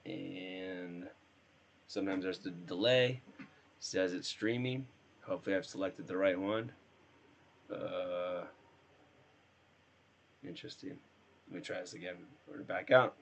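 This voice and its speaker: A man with a hoarse voice from being sick, chatting casually and thinking aloud while setting up a live stream and playing a game. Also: deep voice, measured pace, pauses often, a little hiss or hum.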